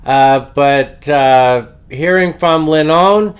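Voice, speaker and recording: Slow-paced man with a head cold, hosting commentary. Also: a little high, clear, resonant tone. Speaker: host of a political commentary show. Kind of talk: opinion news commentary.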